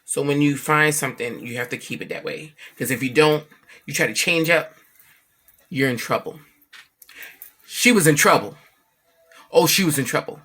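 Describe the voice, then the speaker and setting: A woman vlogging casually about family, telling an animated, profane story and acting out what others said. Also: deep voice, moderate pace, long pauses, breathy edge. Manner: emphatic, repeats herself for effect.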